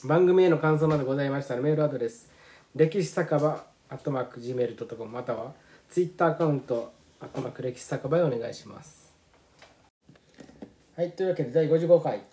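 A man's voice: medium pitch, quick pace, warm tone. A middle-aged man with a Kansai accent, hosting a podcast in a casual style. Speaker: podcast host.

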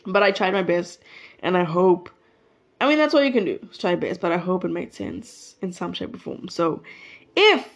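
This nineteen-year-old solo podcaster is very animated, talking at a moderate pace in a fairly low voice. She's chatty and rambling, frequently cutting herself off, and uses a mic plugged into her phone.

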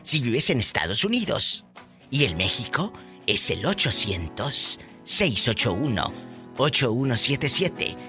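Call-in host, flamboyant, teasing, lively swooping voice, bright tone; light music underneath. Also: male voice, medium pitch, unhurried. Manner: flamboyant, teasing, laughs often. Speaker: radio show host. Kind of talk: call-in show chat.

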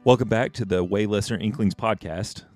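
Deep-voiced man co-hosting a podcast. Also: moderate pace, soft background music. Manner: relaxed, rambling, with restarts. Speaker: podcast co-host. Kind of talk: casual podcast chat and book reading.

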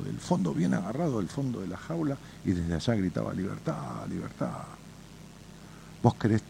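A man with an Argentine accent talks through a caller's problem in a blunt, salty, colloquial way, weaving in folksy anecdotes. His pitch swings widely as he tells his stories, and there is a faint hiss and low rumble behind him. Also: vocal fry. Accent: Argentine Spanish. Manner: blunt and colloquial, swears freely; animated storyteller, addresses listener directly. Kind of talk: advice talk with storytelling.

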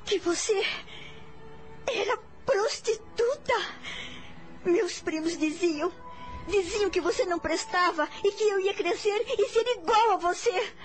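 Defiant young daughter, woman actor, very high tearful voice, indignant. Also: unhurried, faint music behind. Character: young adult daughter, shocked and defiant, demanding the truth. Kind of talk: radio drama acting.

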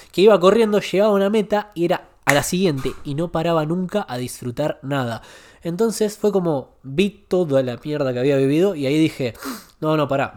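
A man's voice: fairly high pitch, a little mellow. A young man with a Rioplatense Spanish accent, a podcast guest telling a personal story in a confessional way, repeating words for emphasis.

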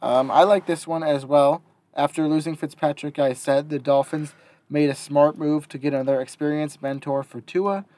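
A man's voice: on the high side, fairly even intonation, normal speed, a little mellow. A young man hosting a casual sports talk, reading out quotes and then giving his opinion with some hesitation. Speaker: podcast host.

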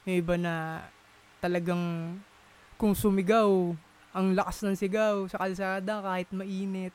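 His voice sits high with a darkish, clear, resonant tone, and he speaks flatly and without hurry. It's a casual conversation full of fillers and word-searching, with Taglish code-switching throughout.

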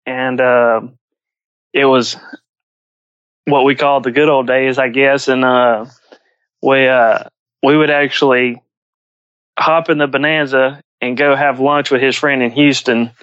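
A man chatting casually as an interview guest, speaking in halting phrases with frequent pauses. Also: medium pitch, level tone, a bit bright, smooth, no room sound, highs cut off. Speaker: podcast guest, agricultural pilot.

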